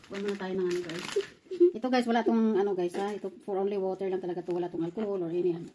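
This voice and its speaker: A young adult woman, a mother, chatting casually to her viewers as she works through a care task and gently coaxes her child. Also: medium pitch, steady tone, racing, slight background noise. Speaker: mother caring for her baby. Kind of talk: casual vlog talk to viewers.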